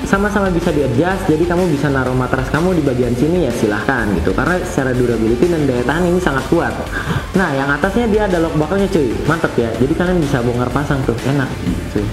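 A young man talks through a piece of gear in a casual, slangy, upbeat way. His lapel mic picks up a roomy studio echo, and background music plays clearly under him. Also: animated, fast. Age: young adult. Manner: chatty, slangy, enthusiastic pitch. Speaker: product reviewer. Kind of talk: casual product review. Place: studio with plain blue backdrop.

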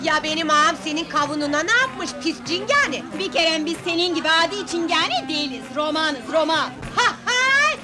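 An actress playing a sharp-tongued young flower seller who trades insults and teases, over music in an old film. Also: female voice, sits high, a little fast, hardly any pauses, natural voice. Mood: sassy.

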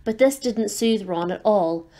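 Woman storyteller, children's novel read aloud, clear, steady, expressive, middle pitch. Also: measured pace.

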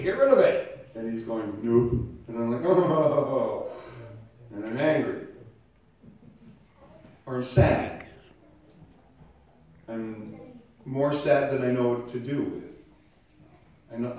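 A man with a head cold preaches a conversational sermon, sometimes loud and emphatic, sometimes quiet and low. His middle-pitched voice rings through a large, echoey church sanctuary. The mic sits well away from him. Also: far from the mic. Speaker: pastor.

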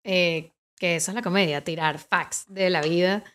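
A woman, a guest in a casual interview, talking candidly and bluntly with a sarcastic edge and drawn-out words. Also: lowish voice, steady tone, a bit bright. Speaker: guest, adult performer and comedian.

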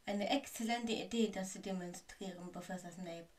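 A woman reading aloud and voicing a vain, showy male wizard teacher who announces loudly. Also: mid-range voice, normal speed, far from the mic, close to an everyday voice. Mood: boastful.

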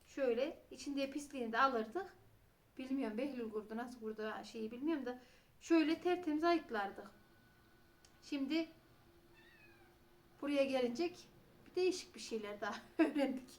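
A woman's voice: high voice, normal speed, pauses often. A woman, chatting casually and rambling in a home vlog, sometimes talking to her cats. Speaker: vlogger.

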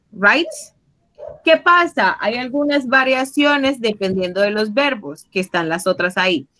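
Slow, bright-voiced woman teacher. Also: a little high, low-quality recording. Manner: patient, checks in with frequent tag questions; switches between Spanish and English. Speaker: English teacher. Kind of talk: classroom grammar explanation.

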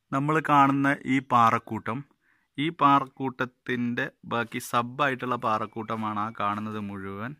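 A man talks on location as he walks among forest caves. His voice is bright and forward. He guides viewers along the path and repeatedly tells them to take care. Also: medium pitch, no room sound. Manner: cautioning, guiding while walking. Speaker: travel vlogger. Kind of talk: on-location vlog commentary. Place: outdoors in rocky forest caves.

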